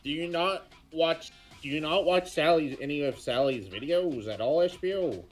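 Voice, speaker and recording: A man's voice: on the high side, normal speed, soft background music, natural voice. A man voicing a joking, matter-of-fact cartoon crocodile detective in casual improvised banter. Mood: joking, frank. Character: easygoing, teasing male cartoon crocodile detective.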